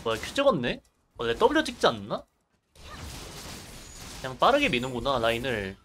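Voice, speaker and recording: A man's voice: medium pitch, huge pitch swings, normal speed, a bit bright. A man livestreaming casual gameplay commentary, reacting in short muttered exclamations and asides into a close mic.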